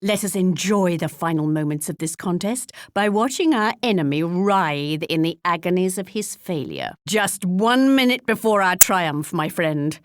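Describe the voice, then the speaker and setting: A woman's voice: fairly low pitch, expressive, unhurried, hardly any pauses, no room sound, clean studio sound. An actress playing a regal, wry English queen in a video game, with a British accent and a pompous, formal, archly polite delivery. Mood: confident, composed. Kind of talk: theatrical video game character voice lines.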